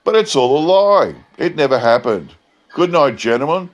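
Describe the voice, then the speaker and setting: A man voicing a laconic bush drover who spins a tall tale in a deadpan, grave outback drawl. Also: fairly high pitch, moderate pace, muffled recording, voice pushed up. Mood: emphatic, deadpan. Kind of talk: dramatic bush yarn storytelling.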